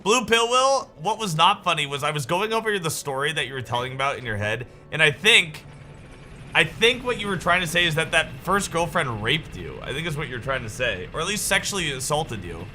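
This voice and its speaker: A young man streaming a game, chatting casually and joking in a rambling way with sudden excited yelps. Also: a little high, fairly quick, slight background noise. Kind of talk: casual chat while gaming.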